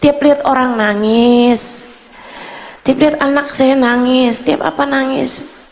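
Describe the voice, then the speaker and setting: A woman's voice: high voice, fairly even intonation, a little slow, darkish tone, long reverb tail. A woman preacher telling a story in a sermon and quoting the people in it with feeling. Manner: emotional retelling, quoting others' words. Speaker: Islamic preacher.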